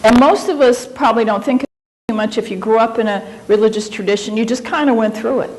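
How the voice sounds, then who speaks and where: A woman with a somewhat high voice lectures from a stage in an auditorium. She speaks reflectively and conversationally, pausing and rephrasing as she searches for the right words. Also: a little mellow, poor audio. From Japan. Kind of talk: conference lecture.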